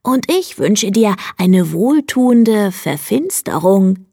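A woman voicing a gentle, curious young hare in a bedtime story, speaking softly and slowly. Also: mid-range voice, very animated, vocal fry, husky, no echo, clean studio sound, full character voice. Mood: cozy.

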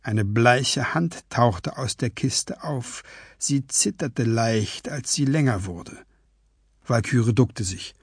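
A man narrating a fantasy audiobook in an expressive storytelling voice. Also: medium pitch, takes it slowly, husky, no echo, studio quality.

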